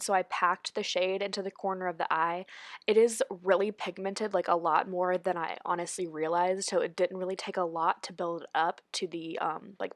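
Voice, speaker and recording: In a separately recorded voice-over for her makeup tutorial, a young woman who vlogs about beauty speaks in a lowish voice with no room sound. She has a cold that leaves her congested, and her chatty delivery leans heavily on "like" and "honestly."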